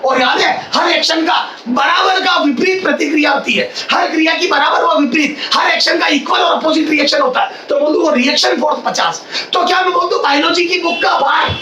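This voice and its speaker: A male physics teacher giving a classroom lecture in a loud, near-shouting voice, repeating phrases and quizzing his students. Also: very high voice, fairly quick, hardly any pauses. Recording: echoey classroom, mic far off, faint hiss.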